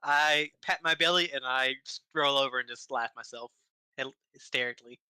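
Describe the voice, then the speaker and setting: A man's voice: mid-range voice, moderate pace, sharp tone, clear, resonant tone, no echo, rough recording. A man playing a tabletop game, playful and giggly, casual chat. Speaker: player.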